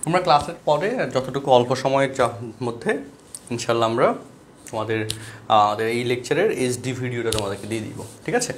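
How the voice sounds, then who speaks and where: A man's voice: mid-range voice, quick pace, a little hiss or hum. A young man with a Bangladeshi accent teaching an online math class in a chatty, digressive way, often checking in with his students. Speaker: math tutor. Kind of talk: casual online class talk.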